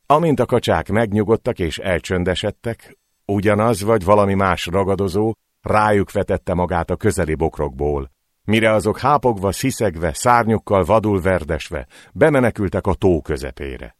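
A man's voice: low voice, dry recording, clean studio sound. A man reading a short story aloud as an audiobook narrator, in a dramatic way. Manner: dramatic, voicing cries in the scenes.

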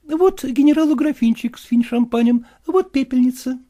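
A man voicing a young woman hosting tea who sounds brisk and bossy. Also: extremely high pitch, dark tone, pitched above the performer's own voice.

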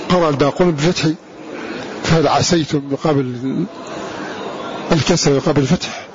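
A man giving a measured lecture on Quran readings, repeating verse lines slowly before explaining them. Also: fairly high pitch. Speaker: Quran recitation teacher. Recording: dull lo-fi recording with clear hiss.

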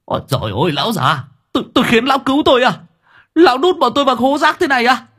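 A man voicing a foul-mouthed man who curses shrilly and rapidly. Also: mid-range voice, animated, gravelly, a bit bright, husky, full character voice. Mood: disgusted.

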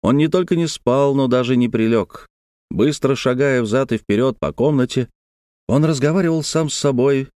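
A man reading a novel aloud as audiobook narration, measured and expressive. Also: medium pitch, dry recording, clean studio sound. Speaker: audiobook reader. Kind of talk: scripted narration.

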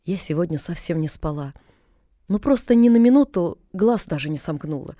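A woman's voice: on the low side, expressive, normal speed, mellow, no echo, close to an everyday voice. A woman voicing a sour, bedridden woman of forty who talks in a tired, grumbling, dry way in an audiobook. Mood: weary. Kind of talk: audiobook character reading.

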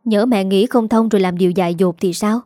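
A woman's voice: medium pitch, a little fast, warm tone, dry recording, studio quality, close to an everyday voice. A woman reading the part of an anxious middle-aged daughter-in-law who talks in a flustered, alarmed way.

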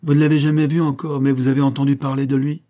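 Man playing a teasing young gentleman. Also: medium pitch, flat delivery, fast talker, pitched above the performer's own voice, natural voice. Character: confident young male mill owner, teasing.

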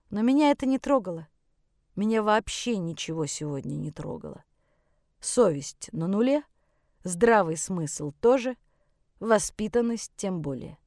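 A woman's voice: medium pitch, darkish tone, no room sound, studio quality. A woman narrating a tense first-person audiobook chapter.

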